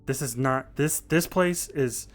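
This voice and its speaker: A man's voice: medium pitch, measured pace, soft background music. A man speaking in character in a roleplay, tired and earnest, often restarting his sentences. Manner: weary, earnest, with false starts. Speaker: roleplay player.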